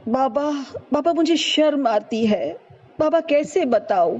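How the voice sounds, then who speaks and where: A woman playing a young son who pleads in a hesitant, ashamed way, his voice pitched a little below hers. The tone is mellow and the recording dull and lo-fi. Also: animated. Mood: ashamed pleading.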